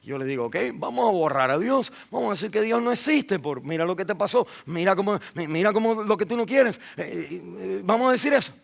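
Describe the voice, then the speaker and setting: A man preaching a sermon as a pastor in a church, rising loud and high, then dropping low and quiet, with many fillers and repeated words. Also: animated, fairly quick, vocal fry, few pauses.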